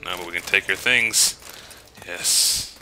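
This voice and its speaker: A man's voice: sits low, takes it slowly, pushed and bright, slight background noise, rough recording. A man giving casual, jokey let's play commentary, teasing the game and exclaiming as he goes. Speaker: gaming host. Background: video game sounds.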